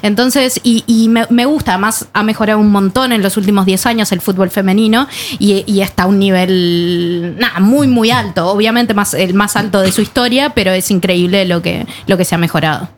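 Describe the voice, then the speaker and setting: A woman's voice: mid-range voice, fairly quick, few pauses, slight background noise. Enthusiastic woman chatting. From Latin America. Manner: enthusiastic, repeats words while thinking. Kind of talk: casual panel chat.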